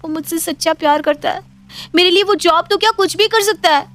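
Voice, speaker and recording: A woman voicing a lovestruck, headstrong young daughter in an animated storybook, pleading and emotional. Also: very high voice, brisk.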